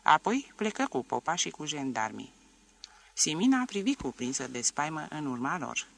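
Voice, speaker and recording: A man reading a classic novel aloud as an audiobook narrator, in a measured, expressive way. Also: a little high, creaky.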